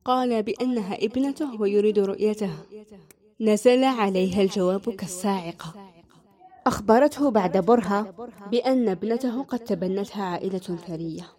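Brief: female storyteller, warm dark timbre, emotive dramatic narration. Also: medium pitch, moderate pace.

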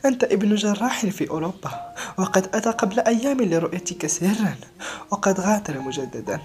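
A woman's voice: mid-range voice, fairly quick, a little mellow, voice pushed up, natural voice. A woman voicing an orphanage directress who pleads emphatically in a raised voice. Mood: urgent pleading. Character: stern older orphanage directress, urgent.

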